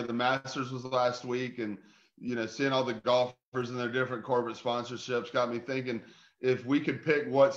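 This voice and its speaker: A man's voice: mid-range voice, fairly bright tone. A man co-hosting a casual sports podcast from a remote call, upbeat as he lays out the rules, his voice cutting out on a bad connection. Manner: upbeat, laying out the game rules. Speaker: podcast co-host. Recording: dull, echoey remote call audio.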